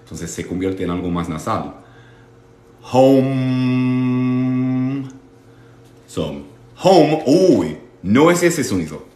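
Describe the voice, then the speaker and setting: A man teaching English in a livestream, switching between Spanish and English and stretching out words slowly to model sounds. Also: low-pitched, big pitch swings, echoey room. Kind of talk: bilingual livestream English lesson.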